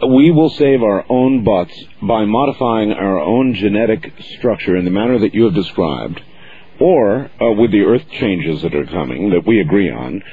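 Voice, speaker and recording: A man hosting a call-in radio talk show, with a smooth radio host delivery and an easy, steady way of taking callers. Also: fairly low pitch, normal speed. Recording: muffled radio broadcast with faint hiss.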